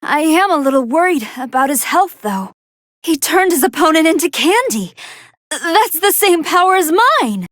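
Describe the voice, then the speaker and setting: Gentle young android scientist lady, really high voice, swoopy and expressive, analytical game commentator. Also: normal speed, dry recording, studio quality, full character voice. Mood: curious, earnest. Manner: polite, precise, analytical, expressive. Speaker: match commentator. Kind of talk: video game fight commentary, anime dub acting.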